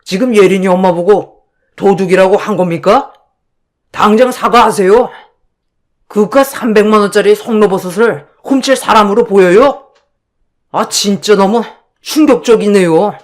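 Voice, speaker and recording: A woman's voice: medium pitch, normal speed, lightly acted. A woman doing an indignant husband. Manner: firm, indignant demands. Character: indignant husband defending his wife.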